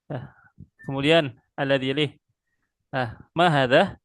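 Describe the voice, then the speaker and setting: A man's voice: mid-range voice, steady tone, a bit bright, no room sound. Man, Arabic tutor, patient drilling, dry close sound. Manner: patient, slow drilling with frequent pious interjections. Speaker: Arabic teacher. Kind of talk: online one-on-one language lesson.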